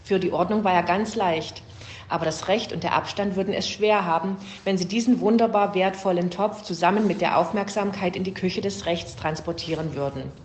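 A woman's voice: lowish voice, a little fast, slight background noise. A woman reading a fable aloud as storybook narration. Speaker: reader. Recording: roomy echo.

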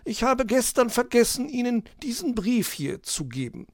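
A man voicing a chatty, sharp-tongued female magpie who delivers the post, in a high, bright, pert voice for a storybook reading. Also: very animated, normal speed, dry recording, clean studio sound, full character voice. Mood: sheepish.

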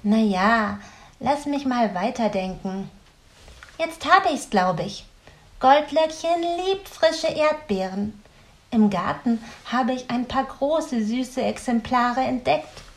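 A bright, perky young girl full of playful cheer, voiced by a woman reading a storybook aloud. Her voice lifts well above the reader's own and lingers on the words at an unhurried pace. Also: a little high, expressive, voice pushed up. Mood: amused, playful. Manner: bright, playful, quick to laugh. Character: cheerful curious young female helper.

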